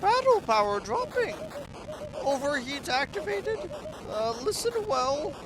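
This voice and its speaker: A man's voice: very high-pitched, very animated, a little slow, background noise, voice pushed up, heavily acted. A man voicing a grandiose, smothering female robot queen with an exaggerated, sing-song doting delivery, over game music. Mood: grandstanding. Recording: loud game music behind.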